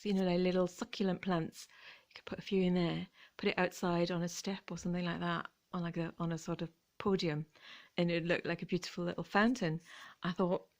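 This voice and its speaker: A woman chatting casually in a vlog, gushing and now and then dropping into a whisper. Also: medium pitch. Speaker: vlogger. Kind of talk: casual chat.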